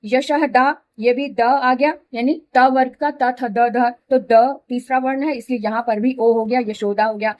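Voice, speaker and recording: A woman's voice: a little high, fairly even intonation, a little slow, hardly any pauses, highs cut off. A woman teaching Hindi grammar, explaining each rule step by step, repeating examples and checking that students follow. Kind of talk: classroom explanation.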